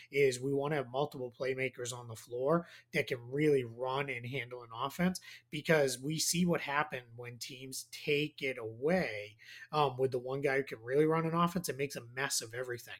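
A man's voice: medium pitch, moderate pace. A man with a Boston accent, talking through ideas as a podcast guest in casual chat, rambling and thinking aloud.

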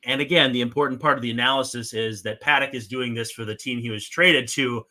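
A baseball analyst and podcast co-host gives loose, wandering sports analysis, hammering home his points. His medium-pitched voice is steady, bright and forceful, and he talks quickly.

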